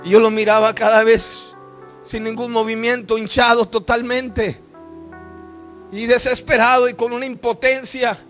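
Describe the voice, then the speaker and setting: A middle-aged man, preaching a sermon testimony and moving between hushed and shouted emotional storytelling. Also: very high voice, level tone, a little slow, soft background music.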